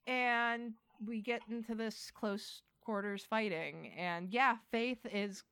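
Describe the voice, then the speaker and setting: A woman's voice: on the high side, slow pace, fairly bright tone, clean tone, dry recording. Chatty woman in a dry room. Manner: chatty, laughs often, swears casually. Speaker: podcast co-host. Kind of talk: casual TV rewatch chat.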